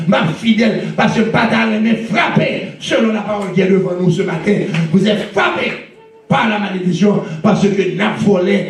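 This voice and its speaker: A male pastor with a Haitian accent preaching a sermon with call-and-response and frequent shouts. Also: high voice. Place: church sanctuary. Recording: echoey church recorded from a distance.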